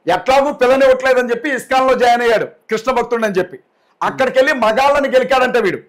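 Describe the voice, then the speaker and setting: A man giving an interview as a guest, speaking forcefully and indignantly, repeating his points and addressing the interviewer respectfully. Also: very high-pitched, rapid-fire. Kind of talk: heated interview talk.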